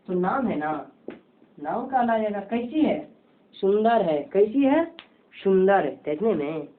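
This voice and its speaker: A woman teaching a grammar lesson, who keeps asking questions and answering them herself in a repetitive, drilling way. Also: mid-range voice. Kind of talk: home-tuition grammar lesson. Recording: tinny phone-like lo-fi audio.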